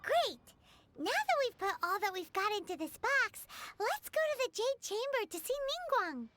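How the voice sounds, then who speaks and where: A woman voicing a tiny, bubbly fairy girl companion in a game cutscene, chatty and excitable. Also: normal speed, slight background noise, heavily acted. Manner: excitable, squeaky, sing-song.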